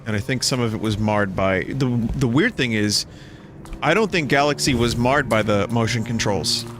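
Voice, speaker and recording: A man's voice: mid-range voice, moderate pace. A young man giving casual, rambling gameplay commentary as a streamer, joking and swearing freely. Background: game music.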